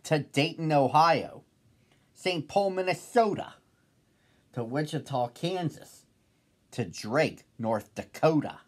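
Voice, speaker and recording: A man reading a children's picture book aloud as host, with a slow, lively storyteller's lilt. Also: on the high side.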